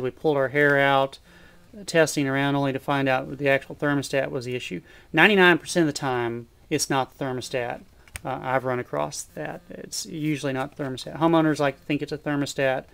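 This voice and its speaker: A man's voice: mid-range voice, fairly bright tone, clean tone. A man, an HVAC technician, talking casually and rambling through an unscripted how-to demonstration. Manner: casual, rambling, restarts often. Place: indoor workshop floor.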